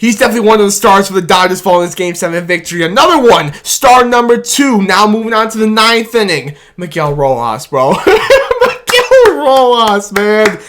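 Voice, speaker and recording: With a high-pitched voice roughened a little by cheering, a man hosts a sports video at a moderate pace. He's casual and fired up, laughing a lot and calling out "baby" and "man."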